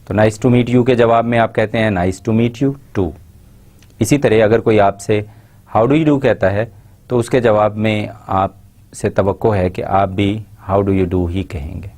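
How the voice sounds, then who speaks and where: A man delivers a recorded lecture in a fairly low voice. He explains points in a steady teaching tone and slows down to read out each English example phrase with care. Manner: explains in Urdu, reads English example phrases slowly and carefully.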